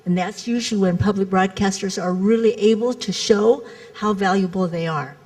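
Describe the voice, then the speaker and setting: Woman panelist, mid-pitched, steady and explanatory delivery. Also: normal speed, rough recording. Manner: explanatory, methodical. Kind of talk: conference panel discussion.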